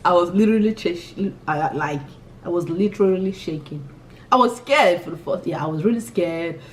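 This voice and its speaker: Answering a tag list in a casual vlog chat, a young Igbo woman from Imo State, Nigeria, giggles and repeatedly restarts her sentences. Her voice is on the low side. She's far from the mic, with slight background noise.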